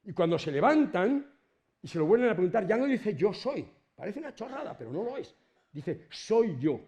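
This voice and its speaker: A middle-aged man with a Spanish accent from Spain, giving an informal lecture to students in a colloquial, animated way and swearing casually. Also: on the high side, creaky. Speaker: university lecturer.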